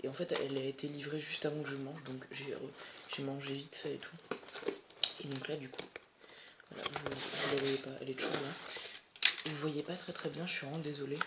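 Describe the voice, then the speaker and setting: A teenager chatting excitedly and rambling while unboxing, swearing often, filmed on a phone at home. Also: medium pitch, fairly quick, long pauses, very noisy. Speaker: doll collector vlogger. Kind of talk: casual unboxing chat. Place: at home, indoors. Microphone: phone camera. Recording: echoey room with loud plastic rustling. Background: crinkling bubble wrap and plastic.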